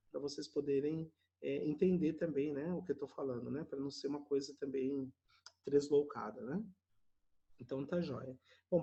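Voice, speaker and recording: A man with a Brazilian accent teaching an English class over a video call, chatty, tagging nearly every phrase with a quick questioning aside. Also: fairly high pitch, dark tone. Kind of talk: online language class explanation.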